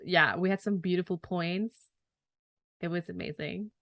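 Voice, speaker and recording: A woman's voice: lowish voice, measured pace, gravelly, a bit bright, dry recording. A woman hosting a podcast interview, affirming her guest with frequent fillers. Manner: affirming, many fillers like "like" and "mm-hmm". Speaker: podcast host. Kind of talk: casual interview chat.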